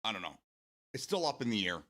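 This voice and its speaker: A man's voice: on the low side, very animated, fast talker, pushed and bright. A man in his forties hosting a casual morning stream, rambling, repeating words and swearing casually as he answers viewer comments. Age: 40s.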